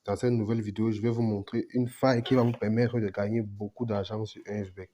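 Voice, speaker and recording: A man's voice: fairly low pitch, flat delivery, fast talker, mellow, muffled recording, a little hiss or hum. A man hosting a betting channel, talking through a screen-recorded tutorial and often repeating and restarting his phrases. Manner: repetitive, restarts phrases, asks "vous comprenez"; apologizes for his accent.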